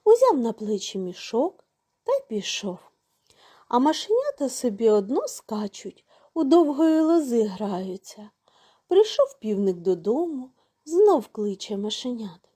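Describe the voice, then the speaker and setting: Slow, sing-song woman storyteller. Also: on the high side, big pitch swings, warm tone, breathy edge. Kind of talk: fairy tale narration for children.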